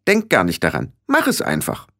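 A man's voice: medium pitch, very animated, moderate pace, voice pushed up. A man doing a stern old witch. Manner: firm, clipped commands. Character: stern old female witch, sharp and commanding. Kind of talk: audiobook reading.

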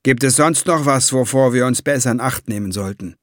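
A man's voice: medium pitch, brisk, no room sound, clean studio sound, close to an everyday voice. A man reading an audiobook and voicing a sly, sarcastic dwarf who needles people with mocking questions. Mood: scornful. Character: sly, mocking male dwarf, blunt and gruff.

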